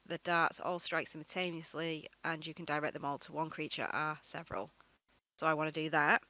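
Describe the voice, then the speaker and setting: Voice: medium pitch, little pitch movement, brisk, bright, forceful tone. A player at a tabletop game, hesitant and full of ums while reading rules aloud. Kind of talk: casual tabletop game chat.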